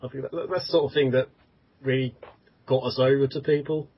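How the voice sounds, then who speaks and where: A man's voice: medium pitch, steady tone, fairly quick, breathy edge. A man who founded the site, talking hesitantly with repeated words in a casual group interview. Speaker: website founder, guest. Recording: dull lo-fi audio.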